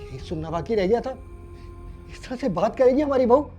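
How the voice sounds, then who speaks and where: Actor as aggrieved old father-in-law, high-pitched scolding, soft music under, skit drama. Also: animated, moderate pace. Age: older. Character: indignant elderly father-in-law.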